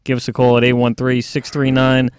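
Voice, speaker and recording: A man's voice: mid-range voice, monotone, brisk, smooth, no echo, studio quality. A man with a New York accent co-hosting a talk radio show, upbeat and agreeable, reading out a call-in number. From upstate New York. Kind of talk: casual radio chat.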